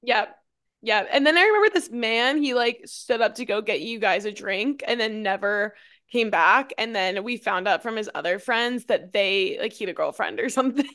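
Chatty young woman, slightly high voice. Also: moderate pace, a bit bright. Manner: chatty, adds details, frequent agreement. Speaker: podcast co-host. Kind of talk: casual chat.

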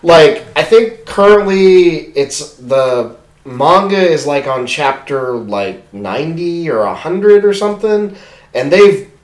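A man's voice: on the high side, expressive, slow. A young man co-hosting a podcast in casual chat, rambling with lots of filler words and swearing freely. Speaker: podcast co-host. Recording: echoey room.

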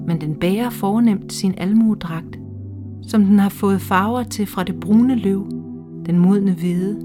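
A woman reading a literary short story aloud in a slow, hushed, measured way. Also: mid-range voice. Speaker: reader. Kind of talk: scripted literary narration. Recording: faint music underneath.

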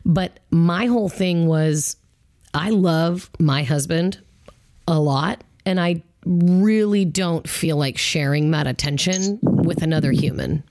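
A woman with a slightly low-pitched voice chatting casually on a podcast. She talks bluntly, curses freely and laughs easily. Her tone is frank and conversational. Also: takes it slowly, darkish tone. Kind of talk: casual chat.

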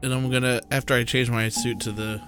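A man's voice: mid-range voice, level tone, a little fast, fairly bright tone. A man playing a tabletop game, casually declaring what his character does. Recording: faint music behind the voice.

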